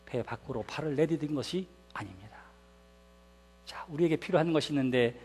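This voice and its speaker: A male pastor preaching a sermon at a church service, emphatic and putting rhetorical questions to the congregation. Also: a little high.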